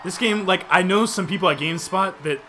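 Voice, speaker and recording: A man's voice: high voice, a little fast, pushed and bright, slight background noise. A young man co-hosting a casual reaction video, chatty and laughing often.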